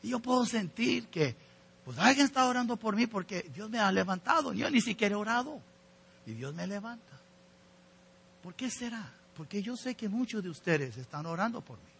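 High, gravelly-voiced pastor preaching. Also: male voice, expressive, moderate pace, fairly bright tone, slight background noise. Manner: earnest, exhorting, addresses listeners directly as brothers. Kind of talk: sermon to a congregation.

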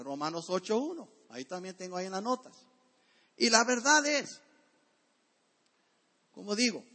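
A man's voice: very high-pitched, sharp tone. A male pastor preaching a sermon in a church, direct and conversational, asking the congregation rhetorical questions.

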